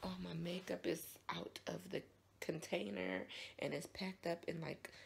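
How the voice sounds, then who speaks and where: Still raspy and scratchy from the morning, this American woman talks to her vlog audience in a homey, repetitive way. Her voice sits on the low side, and she's very animated though a little slow.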